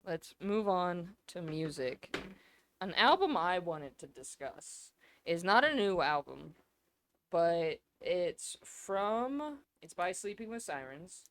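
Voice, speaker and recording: A woman co-hosting a casual podcast, rambling and excitable, swearing freely. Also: on the low side, slow pace. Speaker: podcast co-host. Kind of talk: casual chat.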